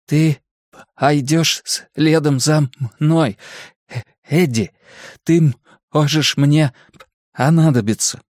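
A man voicing a stuttering, determined boy in an audiobook, halting and earnest. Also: fairly high pitch, darkish tone, no echo, clean studio sound, pitched above the performer's own voice. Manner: stammering, halting.

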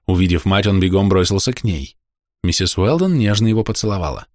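A man narrating an audiobook in a measured, expressive reading. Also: sits low, dry recording, clean studio sound. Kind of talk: scripted narration.

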